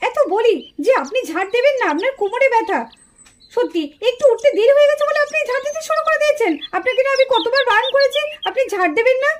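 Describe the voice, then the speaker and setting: A woman's voice: very high-pitched, animated, fast talker, a little hiss or hum. A woman voicing a caring, bossy young housewife and mother in a puppet show, fussing over her family. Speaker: puppet show narrator and voice actor.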